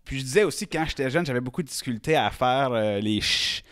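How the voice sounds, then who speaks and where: A man's voice: mid-range voice, expressive, fast talker, a bit bright, smooth, no room sound, studio quality. A man from Ontario with a Franco-Ontarian French accent, telling casual, humorous anecdotes as a podcast guest and strongly rolling his R's on the tip of his tongue. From Rockland, Ontario, Canada.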